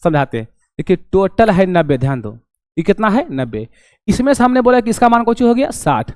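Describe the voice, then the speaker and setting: A young man teaching an online class, animated and acting out his students' questions. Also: high voice, fairly quick, no echo, studio quality.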